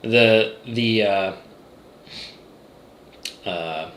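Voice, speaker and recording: A man's voice: lowish voice, drawn-out words, a bit bright, roomy sound, a little hiss or hum. A man developing a game, chatting casually on a livestream and rambling with lots of fillers and restarts. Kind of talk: casual livestream chat reading chat.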